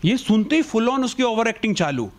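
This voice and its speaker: A male stand-up comedian telling a school story in an animated way, acting out the people in it. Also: very high-pitched, fairly quick. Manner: animated, acts out quoted characters. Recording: noisy live stage recording.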